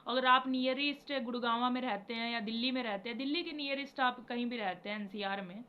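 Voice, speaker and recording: A woman's voice: fairly high pitch, steady tone, brisk. A tired young woman talking casually and rambling to her viewers about devotion, mixing English words into her Hindi and chanting repeated syllables now and then. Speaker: spiritual vlogger. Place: home. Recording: dull lo-fi recording with faint background noise.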